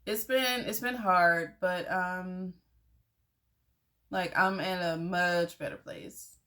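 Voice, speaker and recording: Candid woman vlogger, lowish voice. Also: steady tone, slow, a bit bright. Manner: candid, conversational, uses many fillers like "like" and "y'all". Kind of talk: emotional personal storytelling.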